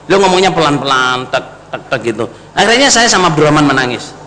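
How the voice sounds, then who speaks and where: A man's voice: fairly high pitch, sing-song, fast, crowd noise. A man with an East Javanese accent preaching a storytelling sermon, speaking straight to his congregation and telling the story with big swings. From East Java. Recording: long hall reverb with faint background noise.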